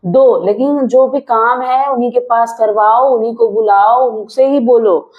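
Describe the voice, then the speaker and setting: A woman with a fairly high voice argues sulkily and sarcastically as a wife in a scripted family comedy skit. The recording is dull and lo-fi, like home video. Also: steady tone, unhurried. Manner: sulky, sarcastic arguing.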